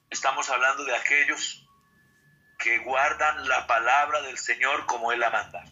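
A man's voice: a little high, bright, forceful tone, dull audio. A man preaching a sermon, calling out to his listeners and acting out the quotes he reads with emphasis.

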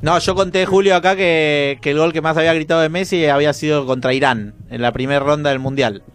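A man, hosting on the radio in a hesitant, halting way. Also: fairly high pitch, fairly even intonation, smooth, faint music behind. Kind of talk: radio debate.

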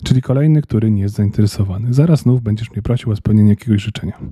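A man voicing a small cheeky male Christmas elf in a storybook reading, brisk and chummy. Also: on the low side, mellow, breathy edge, dry recording, clean studio sound. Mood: grumbling.

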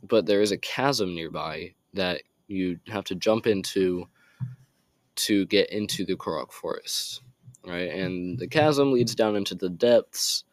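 Teen guy slowly rambling about a game, kinda low voice, dry close sound, keeps going off track. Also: dry recording. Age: teens. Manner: rambling, easily sidetracked, apologetic asides. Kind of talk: casual game recap.

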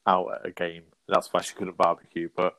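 A man co-hosting a podcast, chatting about reality TV in a relaxed, matter-of-fact way. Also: low voice, brisk. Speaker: podcast co-host. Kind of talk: casual chat about reality TV.

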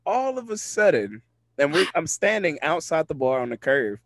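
A man's voice: a little high, sing-song, moderate pace, no echo. A man telling a funny personal story in casual chat, often laughing as he talks.

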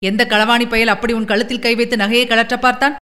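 Woman doing a loud, blunt village farmer. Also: fairly high pitch, level tone, a little fast. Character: plain-spoken adult male village farmer.

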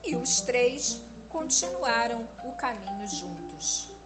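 A woman reading a children's story aloud, slow, expressive and gentle. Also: fairly high pitch. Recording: instrumental music behind the voice.

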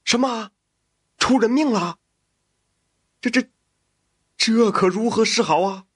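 A man's voice: sits high, expressive, normal speed, a bit bright, husky, full character voice. A man voicing a wealthy middle-aged father in a folk tale, scolding and sighing at his son. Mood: alarmed.

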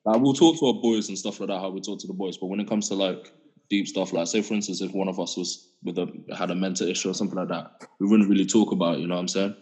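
A man's voice: low voice, fairly even intonation, fast talker, a little mellow, breathy edge. A young man in his twenties with an English accent, talking colloquially in a reflective, casual podcast chat. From England. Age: 20s. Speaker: podcast panellist.

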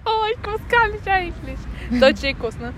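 High, giggly teenage girl. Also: very animated, moderate pace, noisy background. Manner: giggly, teasing. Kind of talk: casual chat between friends.

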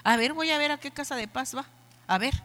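Woman preacher playing a suspicious Mexican husband: nosy, grumbling, high and bright. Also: in a large hall. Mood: scheming. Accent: Mexican Spanish. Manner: nosy, grumbling, rapid-fire questions. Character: jealous suspicious husband, grown man.

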